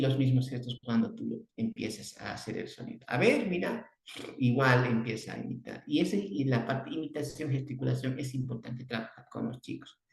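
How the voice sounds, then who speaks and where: A man's voice: vocal fry, echoey room, rough recording. A man with a Bolivian Spanish accent, a speech therapist giving an online class, who often repeats and restarts words. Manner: repeats and restarts words, acts out children's emotions with sudden high exclamations.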